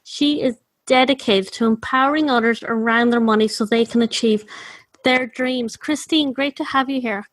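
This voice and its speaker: A woman's voice: a little high, fairly even intonation, normal speed. A woman hosting a podcast, introducing her guest and asking chatty questions with plenty of fillers. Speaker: podcast host. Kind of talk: podcast interview.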